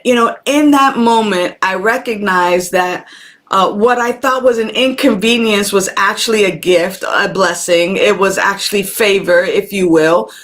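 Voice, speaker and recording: Speaking into a camera mic, this minister and show host leads a spiritual livestream in a medium-pitched, fairly bright voice. She welcomes viewers by name, and her conversational preaching leans on repeated phrases for emphasis.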